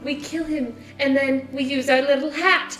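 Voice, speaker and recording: High pitched lady player at a tabletop rpg, playful chat, roomy echo, music behind. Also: steady tone, normal speed, a bit bright. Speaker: player in a tabletop game show.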